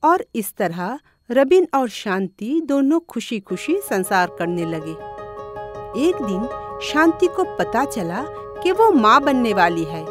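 A woman narrating a cartoon story in a slow, measured way. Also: a little high, very animated. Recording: music bed under narration.

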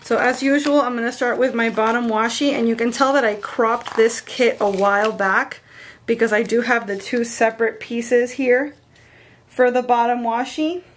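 A woman's voice: fairly high pitch, fairly even intonation, normal speed, slight background noise. A woman casually narrating as she decorates a planner, chatty and easygoing, thinking aloud as she works. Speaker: planner vlogger.

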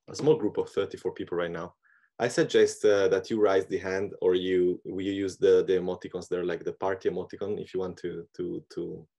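Italian guy running a zoom webinar, lowish voice, stops to find his words. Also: creaky, a little mellow. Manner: halting, searching for words. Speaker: webinar moderator. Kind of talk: moderating a webinar. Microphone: video call.

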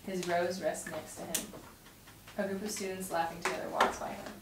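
Around a table in a home dining room, a young woman acts as narrator for a table read, voicing the stage directions in a fairly low, steady tone and at a fairly quick clip. The camera mic sits far away, leaving the recording distant, roomy with echo, and noticeably noisy.

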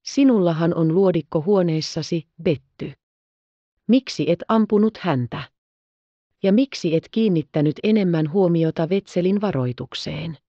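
A hot-tempered young frontiersman, read by a woman. He scolds with angry questions in a low, mellow voice. The recording is dry and a little dull. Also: no room sound. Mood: raging.

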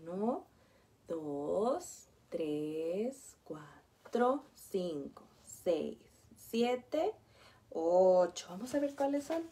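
A woman preschool teacher reads a picture book aloud to small children, explaining gently and often pausing to point out the pictures. Her voice is lowish and sing-song, and she reads extremely slowly.

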